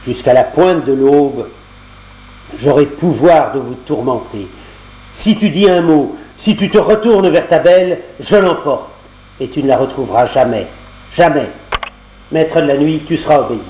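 A man's voice: fairly high pitch, unhurried, dark tone, close to an everyday voice. A man voicing a sinister male master of the night, commanding and menacing, on a roomy cassette recording with a faint hum.

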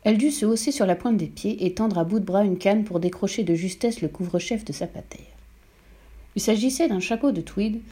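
A woman narrating a children's novel in a measured, expressive storytelling manner. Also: mid-range voice. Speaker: audiobook narrator.

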